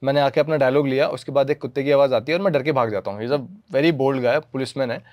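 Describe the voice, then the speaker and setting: A man who acts and makes films, telling lively stories in a casual conversation and mixing in English phrases. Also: mid-range voice, quick pace, no room sound, lo-fi sound. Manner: animated storyteller, mixes in English. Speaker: actor and filmmaker.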